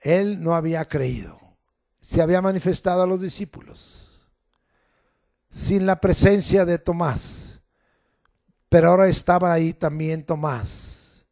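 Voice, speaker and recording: Slow, emphatic male preacher. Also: on the high side, gravelly, a little mellow. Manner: slow, emphatic preaching, swelling to raised declarations. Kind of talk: sermon.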